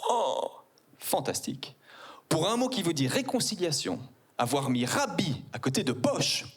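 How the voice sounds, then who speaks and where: A man's voice: on the high side, sing-song, unhurried, slight background noise. A man in his forties with a Belgian French accent, performing a stand-up comedy set on stage, ironic and mock-posh. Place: theater stage before a live audience.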